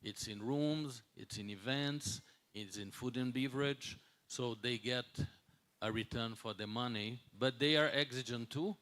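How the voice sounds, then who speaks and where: A hotel executive in his sixties, whose first language isn't English, gives an unscripted conference talk in English. His voice is medium-pitched and a bit bright, and he often pauses and repeats words while searching for the next one.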